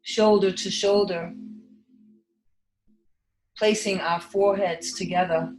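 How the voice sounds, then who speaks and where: A woman leading a guided spiritual meditation in a slow, hushed delivery with long pauses. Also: medium pitch, steady tone. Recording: echoey reverb over soft music.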